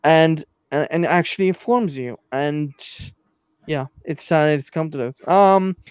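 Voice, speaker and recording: A man hosts a casual online stream, his voice smooth and resonant, sitting a little high. He speaks in halting bursts, stopping and restarting with lots of "uh". The sound is close and dry, with no room in it. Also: no echo. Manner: halting, many fillers and restarts. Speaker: podcast host.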